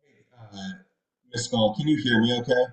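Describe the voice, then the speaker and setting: A man's voice: mid-range voice, fairly even intonation, normal speed. A man on a video call whose audio echoes as if in a tunnel, talking in a hesitant, apologetic way. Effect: echoing tunnel-like reverb on his audio. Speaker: neighborhood commission meeting participant. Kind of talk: casual meeting chat. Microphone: video call, off camera.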